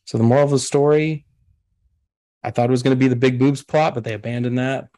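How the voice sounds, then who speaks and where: A man with a middle-pitched voice talks through a movie plot in a loose, rambling way. His sentences are full of fillers and restarts, and he laughs often. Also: steady tone, fast talker, mellow. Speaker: podcast host. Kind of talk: casual chat recapping a film.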